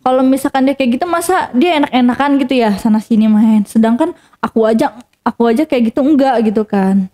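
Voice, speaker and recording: A woman's voice: fairly high pitch, quick pace, warm tone. A young woman telling a personal story casually to an interviewer, rambling with many fillers and restarts.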